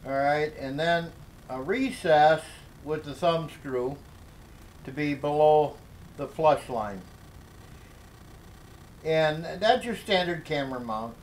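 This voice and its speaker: An older man explaining a workshop project at his workbench, talking slowly with many fillers and restarts. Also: fairly high pitch, lively intonation, a little hiss or hum, poor audio. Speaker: DIY workshop instructor. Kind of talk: hands-on workshop tutorial.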